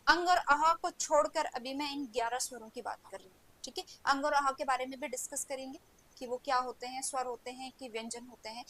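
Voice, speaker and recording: A woman's voice: high voice, pushed and bright, low-quality recording. A young woman teaching an online Hindi grammar class, asking her students questions and answering them herself, with frequent "okay"s. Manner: asks rhetorical questions and answers them, repeating "ठीक है" often. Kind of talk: online coaching class lecture.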